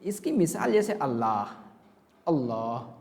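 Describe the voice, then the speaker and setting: Male teacher with a slightly high voice and a slow, deliberate delivery, quizzing and answering himself. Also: expressive, in a large hall. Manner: asks questions and answers them himself; slow and repetitive explaining. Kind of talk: online grammar lesson.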